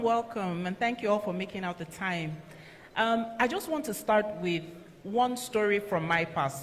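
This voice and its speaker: A woman's voice: mid-range voice, slight background noise. A woman moderating a conference panel, addressing the audience and panelists. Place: conference hall stage. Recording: reverberant conference hall.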